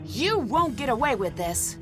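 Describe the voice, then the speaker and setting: Plucky young lady detective in a video game, high lively voice, music loud behind. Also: unhurried. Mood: defiant.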